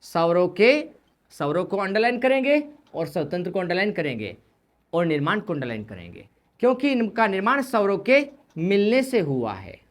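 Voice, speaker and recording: A woman with a medium-pitched, sing-song voice explains Hindi grammar in a classroom lesson at a moderate pace. She repeats key points and poses questions that she then answers herself.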